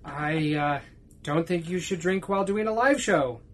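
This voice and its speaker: A woman's voice: fairly low pitch, normal speed, close to an everyday voice. An actress playing a hesitant, polite woman sound technician who hedges with many ums. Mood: worried. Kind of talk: audio drama.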